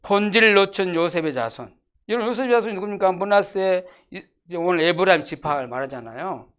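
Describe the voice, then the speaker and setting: A preacher delivering a church sermon, the pitch leaping up and down with lively animation. Key phrases come back again and again, and questions are thrown out at the congregation. Loud, pressing declarations give way to sudden quiet, almost whispered asides. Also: fairly quick, smooth. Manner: emphatic, repeats key phrases, asks the congregation rhetorical questions. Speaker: pastor. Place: church sanctuary.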